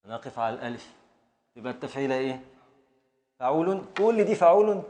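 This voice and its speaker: A man's voice: mid-range voice, animated, quick pace, a little mellow. A man with an Egyptian accent teaching a classroom lesson, patiently drilling students by repeating and counting along. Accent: Egyptian Arabic. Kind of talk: classroom lesson on Arabic prosody.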